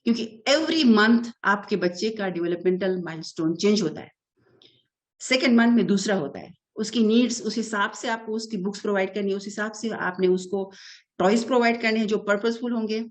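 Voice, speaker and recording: Speaking at medium pitch and a moderate pace, a middle-aged woman from Pakistan answers an interview question about early childhood development. Her earnest reply mixes in plenty of English terms and short pauses.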